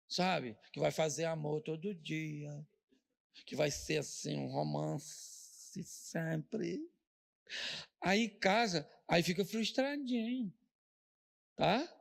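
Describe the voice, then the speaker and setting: A man's voice: on the high side, gravelly, fairly bright tone. A male pastor with a Brazilian accent preaching a humorous sermon, telling jokey stories and tossing rhetorical questions at the audience.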